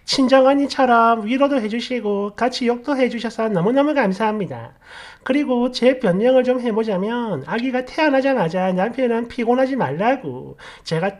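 A woman narrating a story read from an online post, in an expressive, complaining storytelling manner. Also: a little high.

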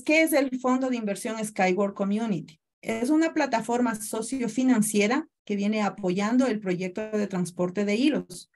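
A woman in her thirties from Ecuador, speaking Ecuadorian-accented Spanish in a medium-pitched, slightly mellow voice, presents a webinar over a video call. She's courteous, greets attendees by name, and explains things step by step.

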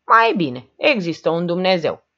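A woman's voice: fairly low pitch, wildly swooping pitch, gravelly, fairly bright tone, exaggerated voice. A woman voicing a cynical man who talks in a mocking, sarcastic way, in a dull lo-fi recording.

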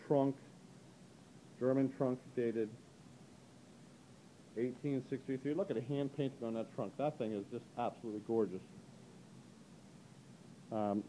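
A middle-aged auctioneer man with a warm, mellow voice gives an upbeat, chatty preview of antique items. He is heard through a handheld camera mic as he walks an indoor gallery. Faint room noise sits under his talk. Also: poor audio. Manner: chatty, upbeat pitch with frequent "ladies and gentlemen". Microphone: handheld camera mic, speaker behind the camera.

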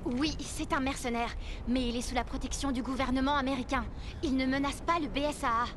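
A wary, firm young female agent played by a woman in a video game cutscene. Her voice is high, with noisy ambience around it. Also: fairly even intonation, brisk, lightly acted. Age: young adult. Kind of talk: French-dubbed video game acting.

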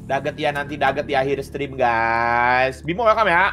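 A man's voice: mid-range voice, moderate pace. A young man, bantering coarsely and teasing his co-op partner during a game stream. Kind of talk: casual gaming stream chat. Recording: game stream with loud music behind.

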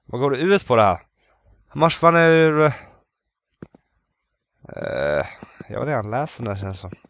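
This let's play features a Swedish man with a lowish voice and big pitch swings, recorded without echo. Jumpy through the horror game, he mutters, repeats himself, and swears at every fright.

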